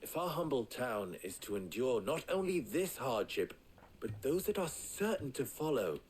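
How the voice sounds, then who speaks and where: An actor in a video game playing a formal, dryly sardonic leader who speaks in measured sentences. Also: male voice, medium pitch, big pitch swings, a little mellow, slightly rough, poor audio. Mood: wry.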